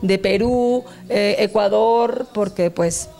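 A woman's voice: medium pitch, takes it slowly, dark tone, faint music behind. A Venezuelan woman in her thirties, a guest on a studio talk show, talking in a playful, rambling way into a handheld mic. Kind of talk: casual studio chat. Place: TV studio set.

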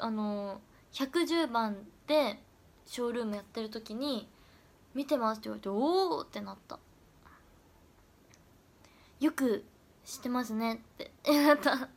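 High-voiced young woman chatting on a livestream. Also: lively intonation, moderate pace, long pauses. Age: young adult. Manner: chatty, often dropping into soft whispers. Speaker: idol trainee livestreamer. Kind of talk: casual livestream chat answering viewer comments.

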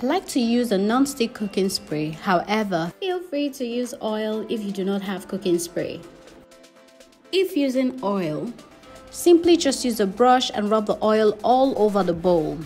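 A woman's voice: medium pitch, sing-song, a little slow, a little mellow, soft background music. A woman hosting her cooking channel, giving friendly step-by-step instructions in a voice-over. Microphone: voice-over, not recorded on camera.

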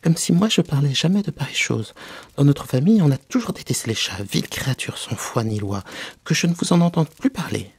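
A man's voice: fairly low pitch, fairly quick, breathy edge, no room sound. A man voicing a small, touchy mouse that speaks in a piercing, indignant and trembling way.

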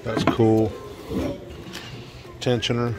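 A man's voice: medium pitch, monotone, very slow, heavy background noise. A middle-aged man vlogging a walk-through, muttering casual asides as he browses a warehouse auction hall on a handheld phone. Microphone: handheld phone camera.

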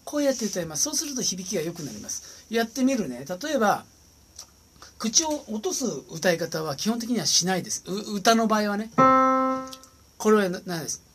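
A man's voice: high-pitched, sing-song, fairly quick. A man giving a casual singing lesson. He chats and demonstrates sustained sung vowels and humming, recorded on a smartphone. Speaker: vocal coach.

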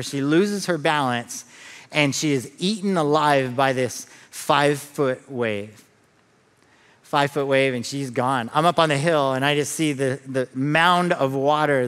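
A middle-aged man, a pastor, preaching a sermon as an animated storyteller who often repeats words at the start of a line. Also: medium pitch, in a large hall. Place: church auditorium.

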